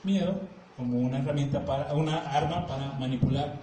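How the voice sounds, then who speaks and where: A man's voice: medium pitch, fairly quick, echoey room, heavy background noise. A man with a Mexican accent giving a conversational talk on emotions, full of slang and acted-out examples. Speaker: speaker leading a talk on emotions. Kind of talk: lecture.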